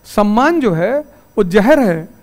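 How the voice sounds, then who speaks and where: A male teacher, lecturing a class in a lively storytelling manner and turning stern about the class rules. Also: sits high, slow.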